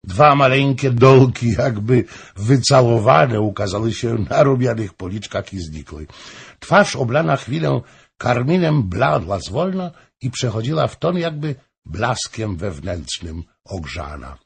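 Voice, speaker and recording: Man narrating an audiobook, really slow, raspy, lively pitch. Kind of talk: audiobook reading.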